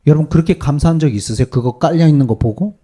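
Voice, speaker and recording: A male pastor preaching a sermon to his congregation, animated and peppering them with rhetorical questions. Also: fairly high pitch, rapid-fire. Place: church service.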